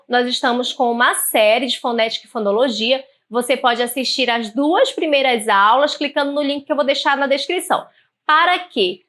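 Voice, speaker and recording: A woman teacher with a Brazilian Portuguese accent giving an online grammar lesson, speaking clearly and slowly spelling out syllables. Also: high-pitched, bright, forceful tone.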